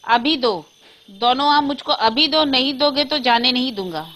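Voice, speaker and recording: A woman's voice: high-pitched, expressive, normal speed, a bit bright. A woman voicing an exasperated grown man. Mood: annoyed. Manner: exasperated, protesting. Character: irritated skeptical grown man.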